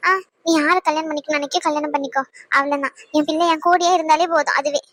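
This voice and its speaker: A woman's voice: high voice, fairly even intonation, fast talker, fairly bright tone, dry recording. A woman voicing an emotional middle-aged mother in a cartoon who dotes on her son. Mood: tender. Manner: emotional, pleading then tender. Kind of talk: cartoon voice acting.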